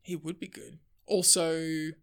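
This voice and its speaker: A co-host on a laid-back podcast with a middle-pitched, even voice. Jokes land in a dry, deadpan delivery. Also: unhurried, creaky. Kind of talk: casual chat.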